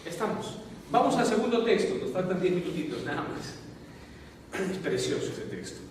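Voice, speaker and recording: A priest with a Peruvian Spanish accent teaches a Bible class, constantly asking his students check-in questions. His high voice swings widely in pitch at a moderate pace, with a little hiss or hum. The lecture hall or classroom is very echoey, and he is far from the mic.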